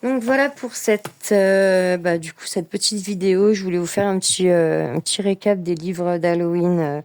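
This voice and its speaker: Chatty woman, lowish voice. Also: moderate pace, darkish tone, clean tone. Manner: chatty, enthusiastic, lots of fillers. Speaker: coloring book vlogger. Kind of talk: casual vlog chat.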